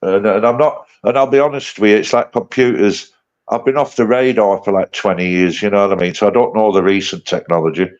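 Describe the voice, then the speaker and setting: A man's voice: lowish voice, steady tone, a little fast. A man in his late fifties chatting casually on a livestream, blunt and sweary, rambling through his banter. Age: 50s. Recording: dull lo-fi stream audio.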